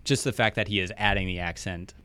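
A man's voice: low-pitched, fast, bright, forceful tone, clean tone. A young man in casual podcast chat, rambling with restarts and fillers.

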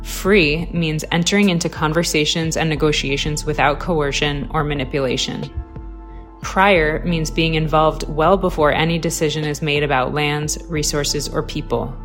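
Low-voiced woman narrating a serious documentary. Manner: measured, serious, carefully enunciated. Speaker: radio program narrator. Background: music behind the voice.

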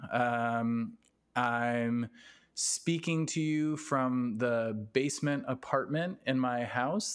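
A man with a medium-pitched voice hosts a casual podcast interview. He talks in a halting, rambling way and is quick to poke fun at himself. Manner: halting, rambling, self-deprecating. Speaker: podcast host. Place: basement apartment at home.

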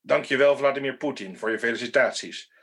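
An actor playing a defiant, threatening autocratic head of state in a radio drama, speaking with contempt. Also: male voice, mid-range voice, brisk, creaky, fairly bright tone, breathy edge. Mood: sarcastic. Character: aging male autocratic president, defiant and menacing.

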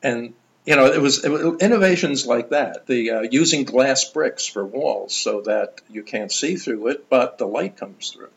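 An older man, a guest in an interview, telling stories in an animated, enthusiastic way. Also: medium pitch, a little slow, vocal fry, muffled recording. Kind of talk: conversational storytelling.

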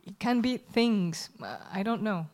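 A woman's voice: mid-range voice, animated, unhurried, gravelly, a little mellow. A woman giving a live spoken translation of a sermon in church, hesitant and searching for words as she goes. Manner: hesitant, searching for words with fillers and self-corrections. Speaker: interpreter.

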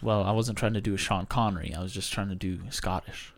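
A man's voice: low voice, fairly even intonation, quick pace. A man co-hosting a podcast in casual chat, with dry, offbeat quips as he plays along. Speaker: podcast co-host.

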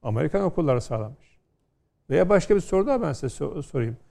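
A man's voice: on the high side, very animated, fast, vocal fry, dark tone. A middle-aged man from Konya, a law scholar on a studio panel, lecturing and telling stories with rhetorical questions. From Turkey, Konya.

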